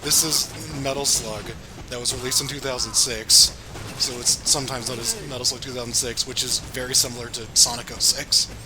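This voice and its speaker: A man's voice: medium pitch, little pitch movement, fairly quick, background noise. A man giving casual, chatty commentary as co-host while a video game plays. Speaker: let's play co-commentator.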